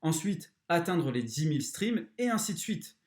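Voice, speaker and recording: A man's voice: a little high, sing-song, normal speed, a little mellow, reverberant. A man hosting a motivational self-help podcast, talking bluntly and crudely straight to the listener. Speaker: podcast host.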